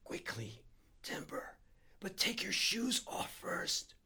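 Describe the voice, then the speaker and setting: A man voicing a gravely ill, frightened man lying in bed, speaking in a hoarse, straining half whisper, slowly, one word at a time. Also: high voice, sing-song, sharp tone, pitched above the performer's own voice, exaggerated voice. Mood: tense whisper. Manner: slow, each word whispered separately.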